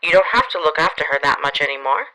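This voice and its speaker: A woman's voice: fast, poor audio. A woman playing a brash, flirty lady boss. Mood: coaxing. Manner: teasing, playful, lively swings in pitch. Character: flirtatious, brash middle-aged female company president.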